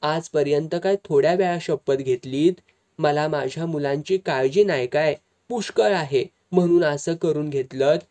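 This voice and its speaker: A woman's voice: low-pitched, moderate pace, mellow, lightly acted. A reader voicing a worried young wife who reproaches her husband. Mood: reproachful.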